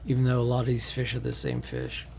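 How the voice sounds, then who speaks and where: A man's voice: medium pitch, big pitch swings, quick pace, background noise. A man casually touring his home fish tank, rambling and thinking aloud with fillers and restarts. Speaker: aquarium hobbyist vlogger. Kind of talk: casual tank tour vlog. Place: indoors beside a fish tank.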